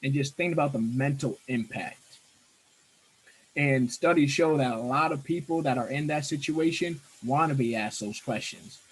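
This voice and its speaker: A man, a guest who counsels at a college, explaining something earnestly and in a measured way. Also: medium pitch, breathy edge, poor audio.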